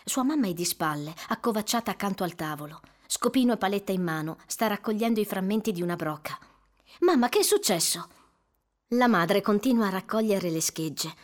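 A woman narrating a suspenseful audiobook in a measured, dramatic storytelling manner. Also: mid-range voice.

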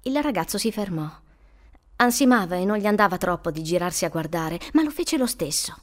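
A woman narrating an audiobook with expressive, suspenseful storytelling. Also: fairly low pitch, a little fast. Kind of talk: audiobook reading.

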